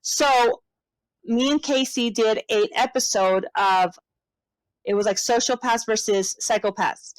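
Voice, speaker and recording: A woman's voice: on the high side, measured pace, no room sound, rough recording. A woman in her thirties co-hosting a podcast, chatting casually over a headset, laughing often and swearing freely. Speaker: podcast co-host.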